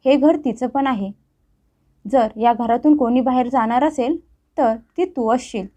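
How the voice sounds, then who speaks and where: A woman's voice: a little high, measured pace, warm tone, lightly acted. Woman reading as an angry young husband. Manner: harsh, scolding. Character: stubborn young husband, quick to anger.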